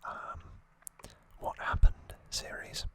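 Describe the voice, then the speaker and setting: This clip features an ASMR host recapping things casually in a hushed, breathy whisper, taking time and wandering into friendly asides.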